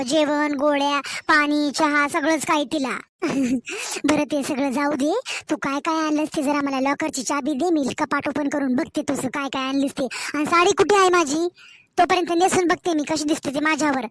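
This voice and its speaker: A woman's voice: sits high, fairly bright tone. A woman voicing a greedy, doting village mother in a cartoon story, fussy and wheedling. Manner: fussy, wheedling, scolding by turns.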